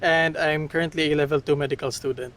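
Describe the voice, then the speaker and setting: Earnest young man, measured speech. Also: on the high side, steady tone, a bit bright. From Philippines. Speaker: interviewee, medical student. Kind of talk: casual chat. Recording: faint background noise.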